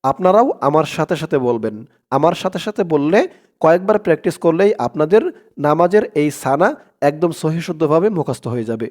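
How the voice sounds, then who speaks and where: A man's voice: on the high side, expressive, brisk, darkish tone. A man teaching prayer recitation, spelling it out syllable by syllable and drawing out the Arabic words. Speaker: Quran teacher.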